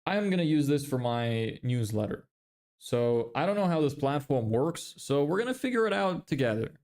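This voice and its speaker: A young man from Lithuania, building a business, chats loosely on his livestream with an American-sounding accent, going through viewer comments and teasing himself. He swears casually and laughs frequently. His medium-pitched voice is sing-song and a little mellow, at a moderate pace.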